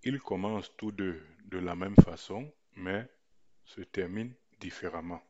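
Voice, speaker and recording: A man teaching a language lesson, explaining tones in a measured way and sounding out single syllables to show them. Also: sits low, muffled recording. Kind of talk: slow pronunciation lesson.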